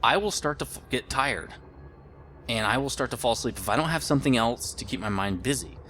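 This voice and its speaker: A man's voice: medium pitch, expressive, brisk, sharp tone, a little hiss or hum. A man in his late thirties giving casual gameplay commentary, rambling and thinking aloud as he plays. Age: late 30s. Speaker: gaming video host.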